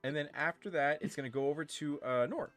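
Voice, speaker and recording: A man's voice: fairly high pitch, quick pace, fairly bright tone, no room sound, faint music behind. A man running a tabletop game as game master, narrating casually and giving easygoing rulings.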